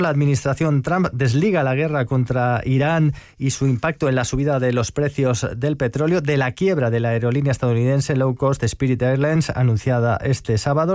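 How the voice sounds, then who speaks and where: Male news anchor, formal and measured, dead-dry studio sound. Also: medium pitch, darkish tone, no echo. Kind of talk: scripted news reading. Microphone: studio microphone.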